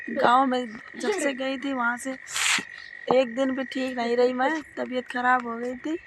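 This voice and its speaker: A woman vlogging while sick, hoarse and coughing, straining and tired as she talks into a phone while out walking. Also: sits high, steady tone, slow, background noise. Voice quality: coughing often. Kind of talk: casual vlog chat. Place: village road outdoors at dusk.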